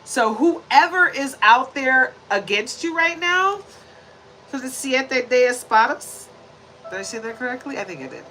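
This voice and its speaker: This tarot reader, a woman in her forties, speaks in a high, sing-song, bright and forceful voice, taking her time as she handles the cards on camera. Her manner is chatty and preachy, heavy on tag questions, and the poor audio has a little hiss or hum.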